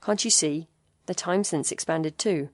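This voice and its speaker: A woman's voice: sits low, unhurried, no echo, studio quality. A woman voicing a horrified middle-aged male doctor in an audiobook, speaking in agitated, breathless exclamations. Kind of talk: audiobook character voice.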